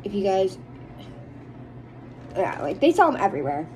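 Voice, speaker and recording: On a low-quality recording with slight background noise, an American woman speaks at normal speed in a medium-pitched, darkish voice with big pitch swings. Like a vlogger, she rambles and chats casually to viewers, opinionated and emphatic about her likes and dislikes.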